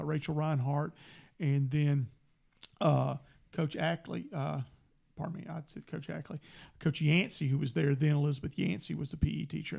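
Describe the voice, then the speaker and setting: A man's voice: on the high side, vocal fry. A middle-aged man, a guest telling family stories on a casual talk show and acting out the voices. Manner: animated storyteller, acts out family voices. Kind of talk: casual radio chat.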